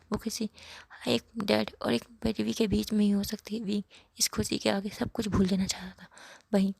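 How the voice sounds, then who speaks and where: A woman casually retelling a fan fiction story, halting with many restarts. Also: medium pitch, vocal fry, darkish tone, no echo.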